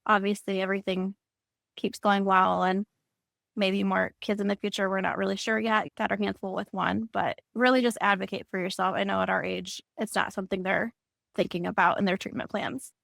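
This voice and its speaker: Creaky-voiced woman, earnest panelist. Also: medium pitch, flat delivery, brisk, fairly bright tone, no echo, clean studio sound. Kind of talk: personal testimony on a panel.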